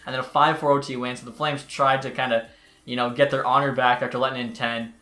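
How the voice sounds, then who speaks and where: Chatty gamer guy, bright and roomy. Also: mid-range voice, flat delivery, fast. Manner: chatty, exasperated outbursts. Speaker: gaming YouTuber. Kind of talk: casual gameplay commentary. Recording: roomy echo.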